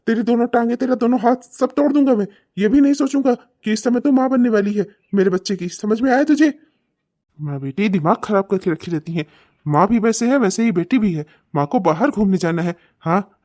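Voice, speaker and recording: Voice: medium pitch, natural voice. A voice actor playing an abusive, short-tempered husband and father in a cartoon, hurling insults and threats. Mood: raging. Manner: shouting insults, snarling and threatening. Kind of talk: cartoon comedy voice acting.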